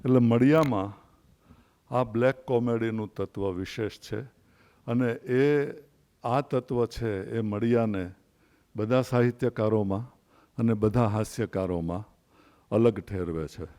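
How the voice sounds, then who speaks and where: A man in his sixties giving a literary lecture to an audience, telling anecdotes in a measured way with pauses. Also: on the low side, dark tone. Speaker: invited speaker at a literary event.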